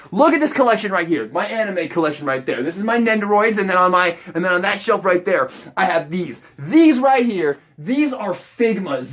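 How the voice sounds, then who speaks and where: A young man giving an excitable, rambling toy review, swearing casually as he walks through each step. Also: high-pitched.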